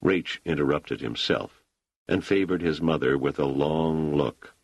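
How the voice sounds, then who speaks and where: A man reading an audiobook aloud as narrator, steady storytelling. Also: rumbling low, measured pace, no echo, rough recording. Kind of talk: scripted narration.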